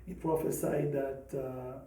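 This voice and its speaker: A man in his fifties from Congo, a pastor and podcast host, telling his life story slowly and hesitantly, with many pauses and fillers. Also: medium pitch, level tone, dark tone, reverberant, recorded from a distance, low-quality recording. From Democratic Republic of the Congo. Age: 50s. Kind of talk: personal testimony talk.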